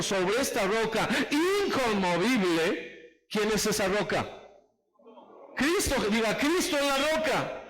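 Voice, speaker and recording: A pastor preaching an emphatic sermon, calling on the congregation to raise hands and repeat phrases after him. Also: male voice, sits high, a bit bright, low-quality recording.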